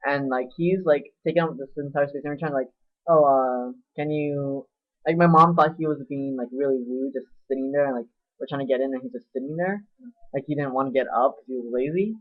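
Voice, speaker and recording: Teen, mid-pitched voice, rambling and filler-heavy, muffled lo-fi webcam recording. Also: a little fast. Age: late teens. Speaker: student co-hosting a webcam chat. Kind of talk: casual chat. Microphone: built-in webcam mic. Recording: lo-fi webcam audio.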